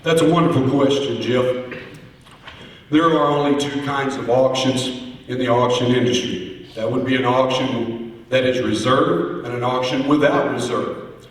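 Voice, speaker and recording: A man gives formal contest answers in a courteous, earnest, deliberate way, like an orator. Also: mid-range voice, fairly even intonation. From Oklahoma, US. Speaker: auctioneer, contest finalist. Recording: echoey hall, heard from far off.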